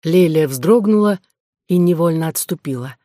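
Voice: mid-range voice, lively intonation, moderate pace, mellow, no room sound. Solemn audiobook narrator, dry close sound. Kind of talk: audiobook narration of a classic novel.

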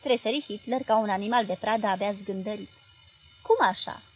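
A woman reading a novel aloud as audiobook narrator, steady and expressive. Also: medium pitch, slight background noise, poor audio.

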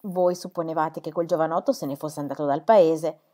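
A woman's voice: deep voice, brisk, natural voice. A woman reading the part of a placid, good-humoured country parson in an audiobook. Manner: placid, calm.

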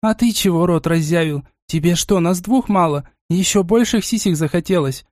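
A man voicing a hot-tempered, jealous young noblewoman in an audiobook, loud and scolding. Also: high voice, moderate pace, no room sound, studio quality, pitched above the performer's own voice, lightly acted. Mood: angry. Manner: shouting, scolding, sharp-tongued.

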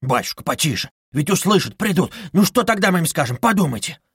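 A man's voice: a little high, very animated, fast talker, a bit bright, slightly rough, no echo, clean studio sound, full character voice. A man voicing a sly, fawning middle-aged male investigator who wheedles and needles with ingratiating asides. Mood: fussing.

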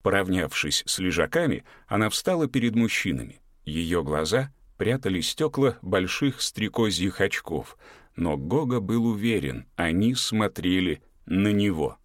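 A man narrating an audiobook in an expressive storytelling manner. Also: deep voice, unhurried, dry recording, studio quality.

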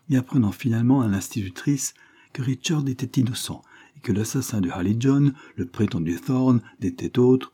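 A man narrating a classic novel as an audiobook in a measured, dramatic storytelling manner. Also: on the low side, warm tone, husky. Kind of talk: scripted narration.

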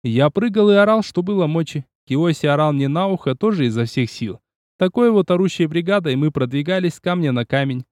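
Guy reading an audiobook, kinda high, dead dry sound, gets loud in action. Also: brisk, dry recording. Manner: energetic, shouting in the action. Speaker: narrator. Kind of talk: audiobook narration in first person.

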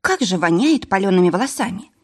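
A woman reading an audiobook, voicing a panicky, excitable young woman who cries out in shrill, frantic bursts. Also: brisk, husky. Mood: fretful.

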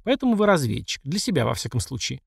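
Brief: male narrator playing an ironic, unhurried old emperor in an audiobook, lively pitch. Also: vocal fry, breathy edge, no echo, studio quality, heavily acted. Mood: amused calm. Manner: politely teasing, unhurried. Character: calm ironic aging male emperor, bald.

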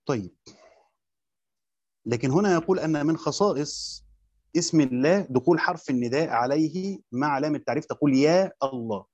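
Male teacher with an Egyptian accent, slightly high voice, reading a text then explaining it haltingly; muffled, dry recording. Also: darkish tone, breathy edge, no room sound. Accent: Egyptian Arabic. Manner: reads a passage aloud, then explains it in colloquial speech; hesitant, with frequent fillers and restarts. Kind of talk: grammar lesson on a classical text. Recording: dull, muffled sound.

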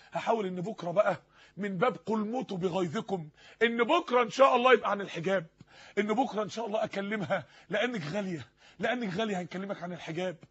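A man's voice: high voice, a bit bright, husky, lo-fi sound. A man from Egypt with an Egyptian Arabic accent preaching a fervent sermon, pleading and firing repeated rhetorical questions. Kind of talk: impassioned sermon.

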